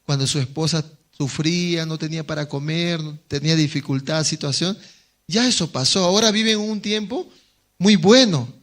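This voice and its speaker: A man's voice: a little high, normal speed, a bit bright. A man with a Bolivian Spanish accent, a pastor preaching a sermon, retelling a parable and throwing rhetorical questions at the congregation. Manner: storytelling, acting out the characters' voices.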